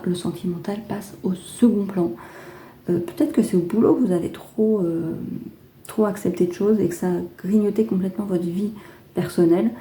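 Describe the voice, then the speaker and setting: Dark-toned chatty French woman reading tarot. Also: lowish voice. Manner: chatty, hesitant with many fillers and restarts; gentle, reassuring advice. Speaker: tarot card reader. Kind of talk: casual spoken tarot reading.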